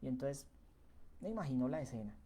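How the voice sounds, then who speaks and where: Man, preacher, Bible reflection, conversational, frequent fillers, mellow voice. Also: mid-range voice, big pitch swings, fairly quick, husky. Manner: conversational, many fillers and tag questions.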